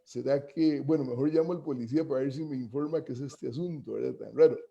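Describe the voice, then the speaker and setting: A man's voice: mid-range voice, fast, creaky, mellow. A man hosting a talk show, lecturing in a didactic way with rhetorical questions and frequent tag questions. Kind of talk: reflective talk-show monologue. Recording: dull lo-fi broadcast audio.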